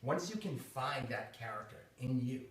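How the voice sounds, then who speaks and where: A man's voice: mid-range voice, expressive, normal speed, slight background noise. A man in his thirties from Boston with a Boston accent, chatting casually and animatedly, with lots of laughs and restarts. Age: 30s. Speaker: host. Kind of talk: casual chat. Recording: echoey room from far off.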